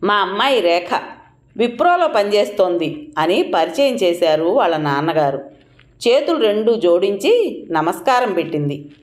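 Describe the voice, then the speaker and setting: A woman tells a first-person audio story with expressive, wry delivery, her pitch rising and falling freely. The recording carries a roomy echo. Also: normal speed.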